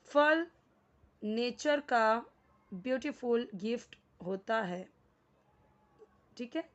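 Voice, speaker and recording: A woman teaching a spoken English lesson in Hindi, moving slowly through each sentence word by word. Her voice sits a little high and her pace is very unhurried. The recording sounds dull and lo-fi. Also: lively intonation. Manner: slow, explains word by word, mixing English words into Hindi.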